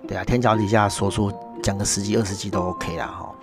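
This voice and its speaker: Man, middle-aged, Taiwanese Mandarin accent, sarcastic monologue, low voice, steady music behind. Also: fast talker. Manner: sarcastic, mocking rant with constant tag particles. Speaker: podcast host. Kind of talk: casual monologue.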